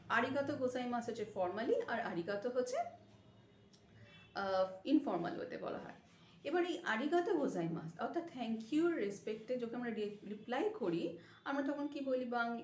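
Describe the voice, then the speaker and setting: A woman teaching a casual language lesson, explaining step by step and repeating phrases slowly. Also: a little high, a little mellow. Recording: echoey room with faint noise.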